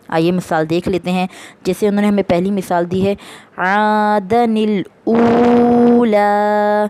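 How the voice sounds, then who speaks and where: A woman's voice: lowish voice, darkish tone. A woman teaching a Quran reading lesson, explaining patiently and drawing out each example word. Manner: slow, patient explaining, drawn-out recitation of example words. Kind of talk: recorded lesson.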